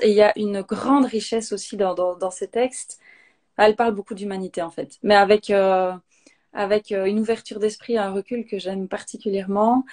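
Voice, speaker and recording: Mellow-voiced woman talking spontaneously. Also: medium pitch. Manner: spontaneous, warm, many hesitations and restarts. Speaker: interview guest. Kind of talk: casual live video interview.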